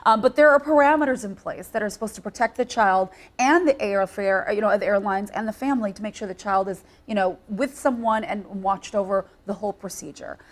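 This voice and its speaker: A woman's voice: medium pitch, brisk, few pauses. A middle-aged woman, an evening news co-anchor, chatting in a TV studio about a story she covered, with frequent fillers and restarts. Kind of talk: conversational studio interview.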